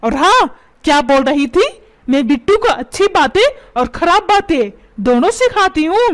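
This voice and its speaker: A woman's voice: extremely high pitch, sing-song, normal speed. A woman voicing a short-tempered middle-aged father in a cartoon, scolding and repeating insults. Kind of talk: Hindi cartoon voice acting. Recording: loud background music.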